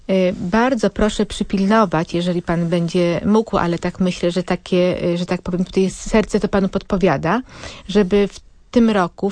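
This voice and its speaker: Kobieta mówiąca z wahaniem, suche studio. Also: female voice, mid-range voice, darkish tone, dry recording. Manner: hesitant, halting, polite. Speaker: foundation director answering callers. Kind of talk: unscripted explanation on a radio phone-in. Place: dry radio studio.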